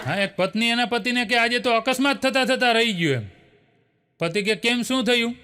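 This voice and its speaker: Bright high-voiced male joke teller. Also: moderate pace, clear, resonant tone. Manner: storytelling with chuckles. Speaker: comedian. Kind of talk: stand-up joke telling. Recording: long hall reverb.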